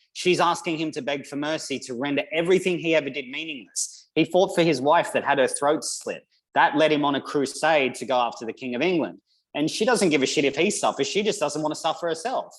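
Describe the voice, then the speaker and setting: A man's voice: fairly high pitch, rough recording. A man, a coach guest in an interview, talking bluntly and emphatically and swearing freely. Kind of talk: casual interview talk.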